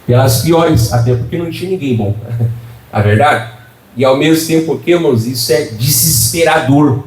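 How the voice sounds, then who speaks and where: Here a pastor delivers a sermon at normal speed, his voice medium-pitched and a little mellow. Rhetorical questions, requests for "amém," and joking asides to the congregation fill his preaching. It's recorded from afar in a roomy church.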